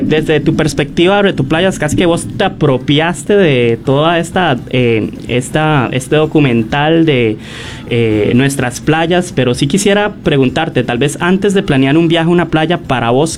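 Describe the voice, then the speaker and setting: Costa rican male interviewer, slightly high voice, rambling questions, faint hiss. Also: normal speed. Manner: long, winding questions with fillers. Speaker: radio interviewer.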